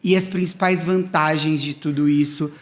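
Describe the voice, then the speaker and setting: A man's voice: fairly high pitch, fairly even intonation, normal speed. Man explaining points step by step. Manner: explanatory, builds points in steps. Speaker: academic director hosting a school podcast. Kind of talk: conversational interview.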